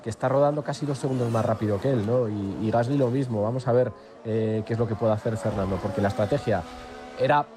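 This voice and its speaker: A man's voice: on the low side, fast talker. A man giving live motorsport commentary and analysis in a conversational, repetitive way with questioning tags. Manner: conversational, repeats words, seeks agreement with tags. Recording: clear background noise.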